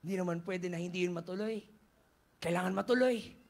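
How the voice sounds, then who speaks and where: A male pastor with a Filipino accent, telling a Bible story as a lively sermon, mixing in English and rising to shouted exhortations. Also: sits high, a little fast, creaky.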